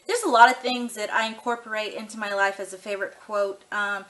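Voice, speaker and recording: Filming a tag video, this vlogger in her thirties talks to camera in an easygoing, candid ramble full of ums and you-knows. Her voice sits at a medium pitch, steady and a bit bright, moving fairly quickly.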